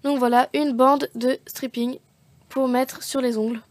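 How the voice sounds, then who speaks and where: Talking a little slowly in a high voice with fairly even intonation, a beauty vlogger walks through her craft and nail art supplies. It's a relaxed unboxing where she rambles, corrects herself often, and leans on fillers. The recording is dry.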